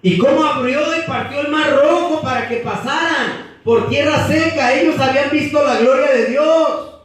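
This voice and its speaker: Mexican man preaching a Bible lesson, fervent and slangy, high-pitched, heard from afar in a booming echo. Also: normal speed, recorded from a distance. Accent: Mexican Spanish. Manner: fervent, repetitive, peppered with slang. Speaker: Bible study teacher. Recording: echoey room, voice from afar.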